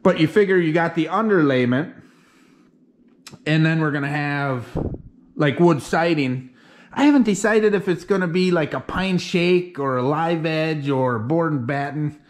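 A middle-aged man talks in a folksy, rambling way, full of fillers and plain country phrasing. His voice sits a little on the high side. He is recorded on an action camera as he walks through snow and an unfinished wooden barn. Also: unhurried. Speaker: homesteader vlogger. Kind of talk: casual walkthrough talk. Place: outdoors in snow, then inside an unfinished wooden barn loft. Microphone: handheld or head-mounted action camera.

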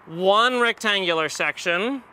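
A male math educator in his forties with an American accent teaches step by step, thinking aloud as he explains. His voice is high, clear, and resonant with a sharp edge, and his pace is a little slow. He's outdoors in an empty football stadium on a lapel mic, with ambient outdoor noise and distant traffic behind him.

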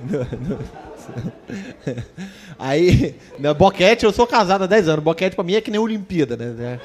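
Brazilian man doing stand-up, high voice, rapid profane self-mocking delivery, faint room noise. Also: animated. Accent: Brazilian Portuguese. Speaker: stand-up comedian. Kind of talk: stand-up comedy set. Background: live audience laughter.

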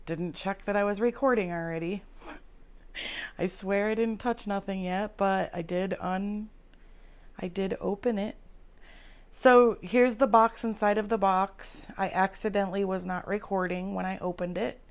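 Female vlogger, unhurried with some vocal fry, casual unboxing chat recorded indoors. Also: medium pitch, steady tone. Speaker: video host.

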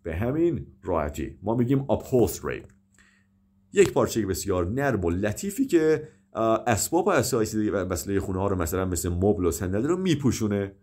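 A man whose first language is Persian, teaching English vocabulary. He explains in Persian and says the English example sentences slowly and with care, often repeating words and stopping short to correct himself. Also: fairly low pitch, big pitch swings, a little mellow. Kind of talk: vocabulary lesson with example dialogues.

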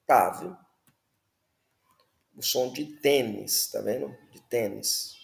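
Slow, gravelly man teaching. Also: mid-range voice, reverberant. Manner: patient, repeats words, checks in with "né?" and "tá?". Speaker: Hebrew teacher. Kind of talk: slow classroom explanation.

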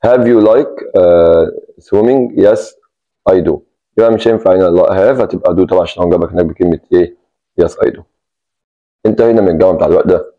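Deep-voiced Egyptian teacher explaining grammar. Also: male voice, fast talker, muffled recording. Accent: Egyptian Arabic. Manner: explains step by step, repeats key words, stresses "take care". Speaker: English teacher. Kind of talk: grammar lesson.

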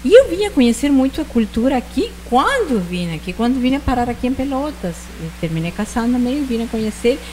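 A woman in her forties from northern Argentina, with an Argentine Spanish accent, answers casual questions as a shop owner on a TV studio set styled as a rustic ranch, speaking into a handheld mic. She mixes Spanish words into her Portuguese and restarts sentences hesitantly. Her voice is somewhat high, sing-song and darkish, fairly quick with hardly any pauses, on a rough recording with slight hiss or hum.

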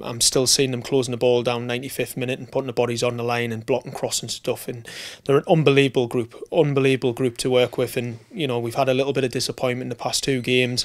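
A man in his thirties speaks as a football manager in a post-match interview, his voice level and flat with little rise and fall. He talks steadily, often pausing on fillers and restarting his phrases. He is recorded indoors in a press room. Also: medium pitch. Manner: steady, measured talk with frequent fillers and restarts. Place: indoor press room in front of a sponsor board.

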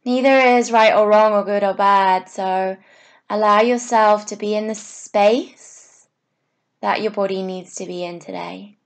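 A female yoga teacher guides a meditation in a steady, mid-range voice, offering soothing, unhurried instructions in short phrases separated by pauses.

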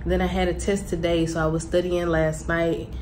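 A woman's voice: on the low side, level tone, moderate pace, darkish tone, slight background noise. A young woman vlogging a casual check-in as a student, sounding a little congested and nasal, chatty with lots of fillers. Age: young adult. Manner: chatty, rambling, many "um" and "like" fillers.

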